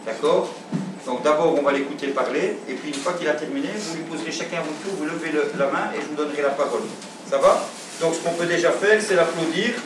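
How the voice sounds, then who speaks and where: A man's voice: on the high side, fast, reverberant, distant mic, background noise. A man coaching youth football, addressing a group of kids in a rambling way with many fillers. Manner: rambling, repeats himself with fillers.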